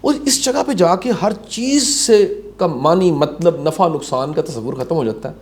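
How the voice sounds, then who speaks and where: This male host talks with a raised, lively pitch that swings freely from high to low. He leads the interview with long, searching questions and animated emphasis. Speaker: talk show host. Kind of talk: conversational interview.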